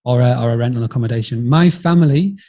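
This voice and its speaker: A middle-aged business founder from Yorkshire, England, tells stories in a chatty, rambling way as a podcast guest. He has a northern English accent and a warm, medium-pitched voice, and he talks quickly.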